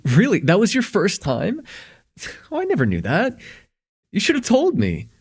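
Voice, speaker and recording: A man heavily acts a gravelly, easygoing young guy in a slice-of-life ASMR roleplay, playing a friendly, forgetful host welcoming a close friend home. His voice is high-pitched, swooping wildly, at normal speed. He chats warmly and intimately to the listener, hesitant and rambling, chuckling as he goes.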